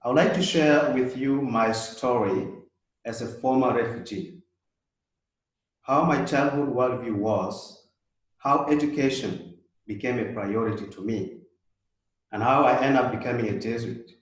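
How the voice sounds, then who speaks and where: South sudanese-born guy in his 30s, slow thoughtful talk, really echoey room. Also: medium pitch. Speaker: guest speaker, Jesuit. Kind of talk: prepared talk.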